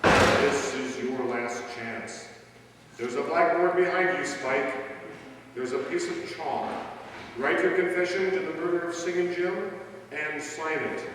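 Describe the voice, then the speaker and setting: A man playing a commanding, menacing avenger with theatrical, deliberate delivery in an old-time radio mystery. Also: fairly high pitch, a bit bright. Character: the Shadow, commanding, menacing male avenger of crime. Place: large reverberant room, stage rehearsal. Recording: distant echoey hall, faint noise.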